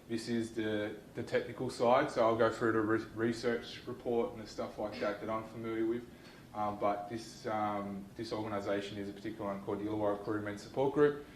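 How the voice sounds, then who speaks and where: A young Australian man giving an informal university lecture, talking in a relaxed and conversational way with many ums and restarts. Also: on the low side, reverberant, a little hiss or hum, rough recording. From New South Wales, Australia. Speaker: guest lecturer.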